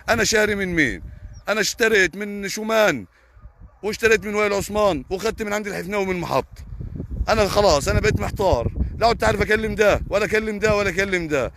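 Fast, heated young Egyptian farmer. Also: male voice, sits high, gravelly, fairly bright tone, a little hiss or hum. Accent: Egyptian Arabic. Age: young adult. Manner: heated, indignant, fast and emphatic with repeated oaths. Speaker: potato farmer streaming live. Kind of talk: live stream reading viewer comments.

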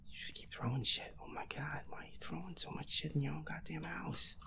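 A young man jitterily narrates his horror-game run in a hushed, breathy voice, often whispering, swearing, and muttering to himself and to the game's ghost. His pitch is fairly high and his pace brisk.

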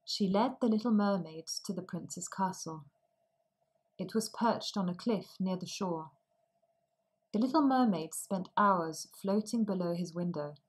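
A woman reads a fairy tale aloud for language learners, slow and clearly articulated. Her voice sits a little low, and she gives each sentence room. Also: poor audio. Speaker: storyteller. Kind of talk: storybook narration for language learners.

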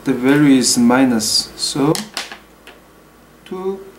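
A native Korean speaker with a Korean accent, this hobby mechanic explains engine work in a thinking-aloud tutorial, slowly working through calculations at a desk in a small room at home. He's hesitant, full of pauses and fillers, reading numbers aloud in a mid-range voice. The recording is rough, with slight background noise.

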